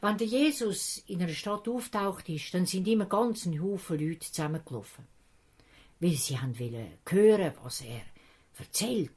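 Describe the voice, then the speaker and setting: A woman's voice: on the low side, moderate pace, breathy edge. A woman with a Swiss German accent telling a Bible story to children, acting out the characters' voices. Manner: lively, acts out the characters' voices.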